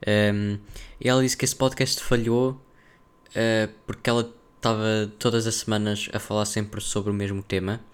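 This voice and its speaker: A young man speaks European Portuguese-accented speech in a lowish voice with very little melodic movement. He hosts a casual solo podcast, thinking aloud in a rambling, slang-filled way. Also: little pitch movement, normal speed, clear, resonant tone. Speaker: podcast host.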